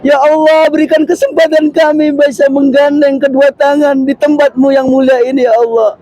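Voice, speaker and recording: A man's voice: very high-pitched, level tone, normal speed, warm tone, no echo, low-quality recording. A man leading pilgrims in a long, impassioned prayer, pleading in repeated refrains, a father and husband himself. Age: adult, a father and husband. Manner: chanted Arabic prayer, then tearful pleading refrains in Indonesian. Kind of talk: impassioned supplication. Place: large mosque courtyard, in public.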